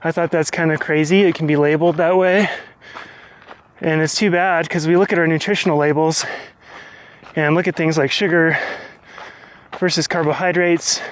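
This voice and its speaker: A man's voice: fairly high pitch, steady tone, normal speed. A man hosting a vlog, talking casually and explaining things as he goes, recorded outdoors on a trail. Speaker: vlog host.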